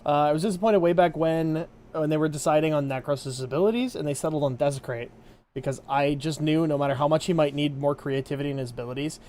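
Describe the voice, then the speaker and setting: A man casually chatting with viewers during a game stream, his throat raw and sore, rambling in a low-energy way as he answers questions. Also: quick pace, a little mellow, a little hiss or hum.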